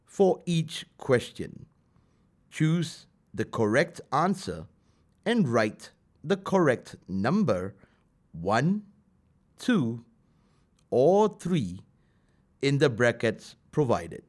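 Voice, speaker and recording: A man reading formal listening test instructions and questions in a measured way. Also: mid-range voice, big pitch swings, a little mellow. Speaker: exam instructions reader.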